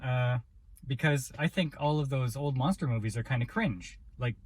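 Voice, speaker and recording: A man's voice: medium pitch, normal speed, slightly rough. A man co-hosting a casual movie review chat, telling the story in a loose, rambling way. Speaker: podcast co-host.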